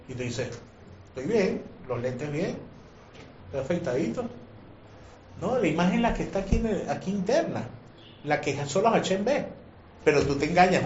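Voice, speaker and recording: Animated man teaching a class. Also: fairly high pitch, a little hiss or hum. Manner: animated, questioning, emotional. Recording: echoey room, muffled lo-fi sound.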